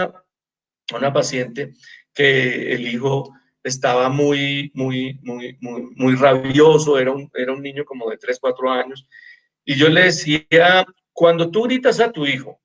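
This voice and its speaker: A man with a Colombian accent, a doctor giving an informal wellness lecture, telling patient stories and softly acting out their replies, often repeating words as he searches. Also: mid-range voice, measured pace, lo-fi sound. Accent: Colombian Spanish. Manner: animated storyteller, acts out patients' replies softly.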